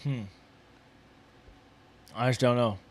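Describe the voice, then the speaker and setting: A man's voice: medium pitch, steady tone, takes it slowly, no room sound. A man hosting a casual podcast chat who talks hesitantly, stumbling and repeating his words as he questions his co-host, recorded in a small building.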